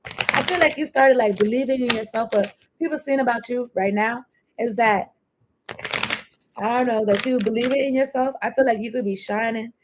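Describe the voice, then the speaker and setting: With some background noise present, a tarot card reader with a slightly high voice talks at normal speed. She rambles in a friendly way, free-associating across cards and musings, and lets a swear word slip now and then.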